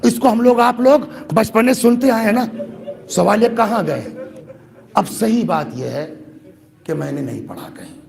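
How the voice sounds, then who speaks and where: A man from India preaching a majlis sermon to mourners. He asks the listeners rhetorical questions, and his voice swells into loud grieving cries. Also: high-pitched, lively intonation, creaky, pauses often. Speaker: Shia cleric addressing a majlis. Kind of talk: majlis sermon rising to a lament. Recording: live gathering with crowd noise. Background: audience of mourners.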